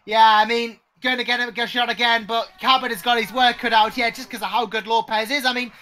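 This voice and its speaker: A man's voice: very high voice, steady tone, fairly quick, bright, forceful tone. A man giving conversational live race commentary as a co-commentator, chatty and emphatic, repeating his points. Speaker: motor racing co-commentator.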